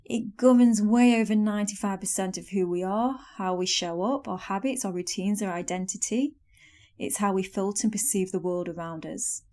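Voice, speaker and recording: A young woman hosting a solo podcast, speaking in an earnest, coaching tone with soft self-help phrasing. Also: mid-range voice. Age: young adult. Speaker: podcast host. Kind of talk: scripted solo podcast talk.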